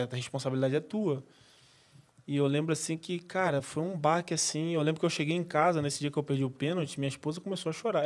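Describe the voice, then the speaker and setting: A man in his thirties, a podcast guest, telling his faith story in a casual, colloquial way and replaying conversations with lively inflection. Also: on the high side. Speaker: podcast guest, former professional footballer.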